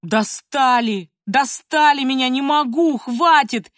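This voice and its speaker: A woman voicing a rebellious teenage girl who protests in a high, tearful wail. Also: very animated, fast, no room sound, studio quality. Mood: hysterical.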